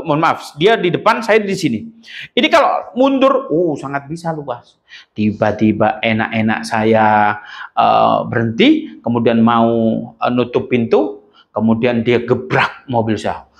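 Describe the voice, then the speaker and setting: A man giving a lively religious lecture, telling stories and acting out angry voices. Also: mid-range voice. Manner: animated storytelling, acts out angry voices. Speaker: preacher.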